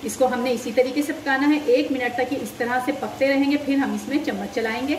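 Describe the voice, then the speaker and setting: A woman's voice: high-pitched, steady tone, brisk. A woman hosting a cooking channel, patiently explaining each step and giving tips at her home stove. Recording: echoey kitchen, mic far off, loud sizzling noise. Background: frying and sizzling.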